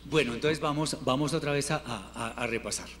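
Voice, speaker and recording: A man teaching a Hebrew class, patiently drilling word forms and repeating them slowly for his students. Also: mid-range voice, fairly bright tone. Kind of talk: classroom lesson. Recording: reverberant room with faint noise.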